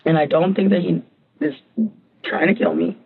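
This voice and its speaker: Gravelly woman in a tinny police interview. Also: fairly low pitch. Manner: halting, rambling, filler-heavy. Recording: tinny phone-like interview recording.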